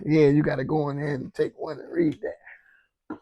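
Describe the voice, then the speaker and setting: A man's voice: fairly high pitch, big pitch swings, moderate pace, vocal fry, dry recording, muffled recording. A man hosting a podcast in a casual, slangy way, with plenty of swearing and verbal tags. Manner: slangy, heavy swearing, frequent "you know". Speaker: podcast host. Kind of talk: casual chat.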